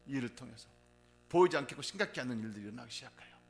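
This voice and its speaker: A middle-aged man preaching to his congregation, weaving a personal testimony into the sermon. His voice sits at an ordinary pitch and swells into emphatic fervor at key points. A faint hum runs under the recording. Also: lively intonation, very fast, creaky. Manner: storytelling, rising to emphatic fervor. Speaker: pastor.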